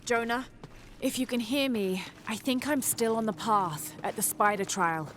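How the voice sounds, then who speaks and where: A woman's voice: fairly high pitch, moderate pace, noisy background, lightly acted. A woman playing Lara Croft, determined. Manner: steady, urgent and determined. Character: bold young female explorer, resolute and driven. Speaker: adventurer. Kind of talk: video game cutscene acting.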